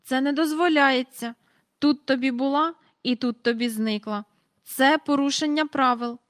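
A woman voicing an indignant middle-aged male park keeper who shouts blustering threats in a storybook reading. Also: high voice, moderate pace, no room sound, studio quality, voice pushed up, close to an everyday voice.

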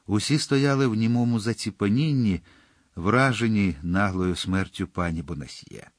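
A man narrating a classic adventure novel as an audiobook, with a measured, dramatic reading. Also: fairly low pitch, no echo, clean studio sound.

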